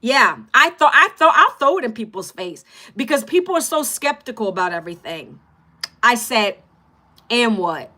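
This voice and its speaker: A middle-aged woman hosting a casual livestream, talking straight to her viewers with energy and emphasis as she pitches an online course. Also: big pitch swings, normal speed, sharp tone.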